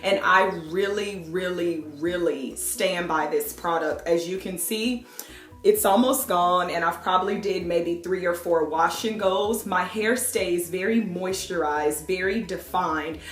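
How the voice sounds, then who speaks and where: A woman's voice: fairly low pitch, measured pace, fairly bright tone, echoey room, soft background music. A young woman vlogger giving a casual hair tutorial at home, chatty and playful, laughing at herself. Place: home room.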